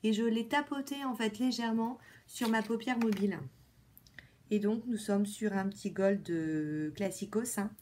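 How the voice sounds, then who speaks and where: A woman talks casually to her viewers, reviewing makeup as she goes. She repeats words often and fills her pauses with fillers. Her voice sits at an ordinary middle pitch. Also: darkish tone, slight background noise. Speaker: beauty vlogger. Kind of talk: casual product review chat.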